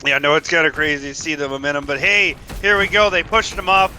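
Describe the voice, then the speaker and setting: A man's voice: on the high side, steady tone, quick pace, sharp tone, slight background noise. A man doing casual, hyped color commentary on an esports match, often saying "definitely". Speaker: esports co-caster.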